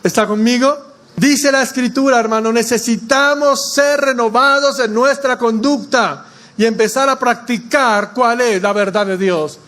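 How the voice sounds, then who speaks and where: A male pastor delivering a Sunday sermon with a notably high voice. He keeps putting direct questions to the congregation and leans on homely stories and light humor to make his point. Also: a little slow, bright, forceful tone. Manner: preaching with rhetorical questions to the congregation; folksy, anecdotal delivery with humor.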